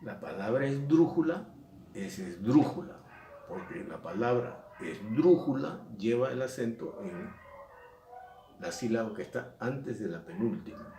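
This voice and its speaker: A male teacher, explaining a lesson slowly and repeating and stressing key words. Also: fairly low pitch, a little mellow, slight background noise. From Peru. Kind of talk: recorded lesson. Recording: echoey room, mic at a distance.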